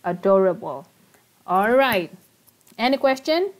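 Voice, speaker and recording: A woman's voice: medium pitch, very animated, takes it slowly. A woman with an Indonesian accent teaching English grammar in an online class. She switches between English and Indonesian and keeps asking the students questions. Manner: mixes Indonesian explanations into English, chatty, asks the class questions.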